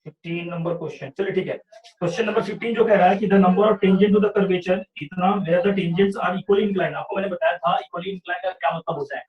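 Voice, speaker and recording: High-voiced maths teacher, echoey room. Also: male voice, steady tone, moderate pace, distant mic, highs cut off. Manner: explains step by step, often asks "sahi hai kya?". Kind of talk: online revision class lecture.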